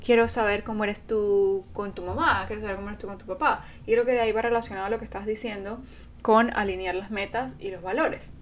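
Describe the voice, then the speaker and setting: A Venezuelan woman co-hosts a casual podcast with her partner, speaking earnestly and animatedly while acting out what people say. Her voice sits at medium pitch and moves fairly quickly, with a little hiss or hum in the recording.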